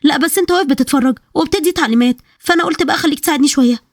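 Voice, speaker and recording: Woman voicing a young Egyptian woman, sassy, bickering, rapid, slightly high. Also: dry recording, clean studio sound, lightly acted. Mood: needling. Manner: sassy, quick retorts. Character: bickering young woman, sharp-tongued fiancée.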